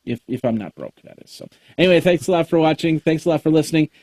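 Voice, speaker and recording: A man's voice: a little high, lively intonation, quick pace, a little mellow, dry recording. Rambling, jokey male podcast host. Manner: rambling, jokey, full of fillers. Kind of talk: casual show wrap-up chat.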